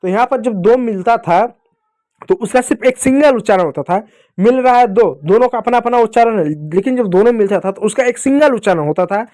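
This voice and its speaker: Male teacher with a high voice and an Indian Hindi accent, patient classroom lesson for kids, asks and answers his own questions. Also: fairly quick, darkish tone.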